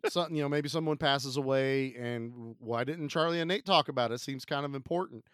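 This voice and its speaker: A man co-hosting a movie podcast in casual chat, his voice rough from being sick, upbeat and chatty with lots of fillers. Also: mid-range voice, a little fast, a bit bright, dry recording, clean studio sound. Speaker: podcast co-host.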